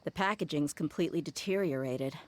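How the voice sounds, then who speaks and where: A woman's voice: deep voice, fairly quick, slight background noise, natural voice. A woman voicing a tough, frank young female mercenary, an exasperated daughter who talks in a dry, grumbling way. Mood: puzzled, exasperated. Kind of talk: video game voice acting.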